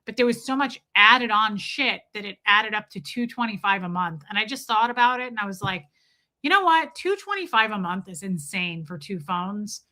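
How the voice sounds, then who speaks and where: On a rough recording, a bright, chatty Southern woman streamer speaks at a moderate pace in an animated, medium-pitched voice. She's from near Nashville and hosts a casual livestream, reading comments, naming viewers as she answers and restarting often.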